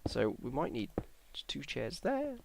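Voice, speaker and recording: A man's voice: medium pitch, huge pitch swings, unhurried, gravelly, darkish tone, a little hiss or hum. A tired young man, rambling and hesitant as he commentates his Minecraft build. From England. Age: young adult. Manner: rambling, hesitant, self-correcting. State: tired, yawning. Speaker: Minecraft YouTuber. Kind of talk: casual gameplay commentary.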